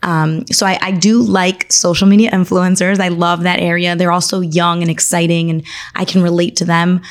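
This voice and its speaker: Woman, from Argentina, interview guest, lawyer, articulate, enthusiastic, slightly low pitch. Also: flat delivery. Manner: articulate, enthusiastic, lists things quickly. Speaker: attorney, podcast guest. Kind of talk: conversational interview.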